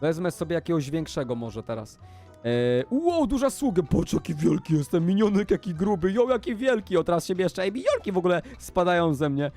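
A young man giving energetic, excited gameplay commentary as a video creator, often squealing with excitement. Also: fairly high pitch, brisk, soft background music.

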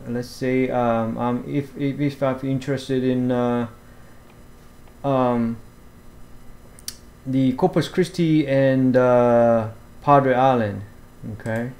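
A man walking through fishing apps over a screen recording, talking haltingly with many fillers and restarts. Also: mid-range voice, a little mellow, a little hiss or hum. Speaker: fishing vlogger. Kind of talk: screen-share app walkthrough.

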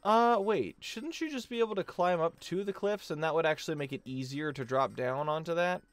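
A man's voice: fairly high pitch, brisk, no echo, faint music behind. A man hosting a let's play, commenting casually and thinking aloud, questioning himself with many restarts.

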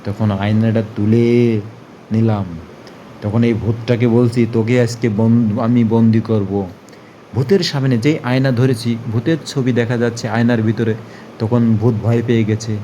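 A man narrating a ghost story for children, slowly and with lots of repetition. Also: mid-range voice, level tone, a little hiss or hum. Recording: loud music behind.

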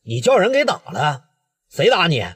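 Man doing Northeastern big brother, husky, stern and protective. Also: normal speed, in a large hall, heavily acted. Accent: Northeastern Mandarin. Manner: low and steady, turning fierce. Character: respected gang leader, adult male, protective, hot-tempered.

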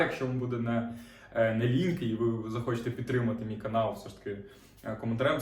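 A male teacher leads a beginners' lesson in a calm, patient way. He repeats example words slowly so learners can follow. He sits off the mic, so the room's echo carries his voice. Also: mid-range voice, far from the mic. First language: Ukrainian. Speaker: German teacher. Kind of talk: lesson explaining reading rules. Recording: roomy, off-mic sound.

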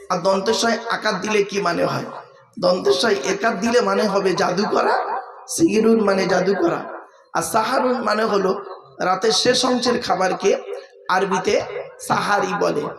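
High-voiced preacher quizzing his crowd. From West Bengal, India. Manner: asks the audience questions and drills answers. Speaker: Islamic preacher. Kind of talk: waz sermon to a gathering. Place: large religious gathering. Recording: echoey public-address sound at a gathering.

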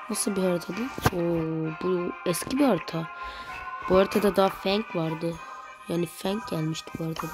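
An excitable woman talks viewers through a mobile game match from home. Her commentary is casual and chatty, and she reacts loudly to every twist. Game music plays clearly behind her the whole time. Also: medium pitch. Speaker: gaming channel host.

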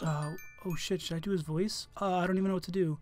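A laid-back let's-play host rambles through casual gameplay commentary, trailing off into fillers and cursing along the way. The voice is mid-pitched and easygoing. Faint game music runs beneath. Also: fairly even intonation, fast.

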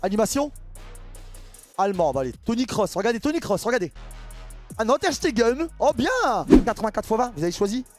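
Excitable french guy opening packs on stream, really high voice that jumps all over, faint music behind. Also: brisk, long pauses. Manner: excitable, shouts at big pulls, repeats "les gars". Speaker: gaming streamer. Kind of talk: pack opening commentary.

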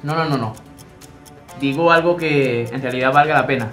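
A man's voice: mid-range voice, moderate pace, fairly bright tone, soft background music, natural voice. Man as cynical young clerk, web drama, roomy store echo. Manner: sarcastic, scolding. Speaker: store employee Luis. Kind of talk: scripted web drama acting. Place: indoor clothing store.

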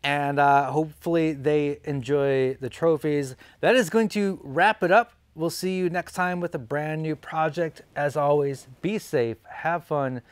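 Standing and gesturing in front of a colored studio backdrop, this woodworking host talks casually to camera with lots of fillers. He has a fairly high voice, speaks a little slowly with few pauses, and the tone is clean with no room sound.

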